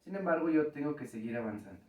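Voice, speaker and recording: A man with a fairly high, expressive voice talks quickly from far off-mic in an echoey room. He's teaching a recorded math lesson at the board, patiently walking through each step and checking in with his students.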